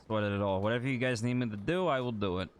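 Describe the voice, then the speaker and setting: A man's voice: fairly low pitch, racing, slight background noise. A man in an in-character western roleplay, talking in a laid-back, cheeky way as a prisoner on a headset mic.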